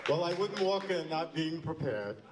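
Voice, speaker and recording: A man in his fifties, a teacher at a school open mic, reading his own rhyming poem in a measured, rhythmic way, picked up from a distance in an auditorium. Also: fairly high pitch, lively intonation, heavy background noise. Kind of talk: poetry recitation.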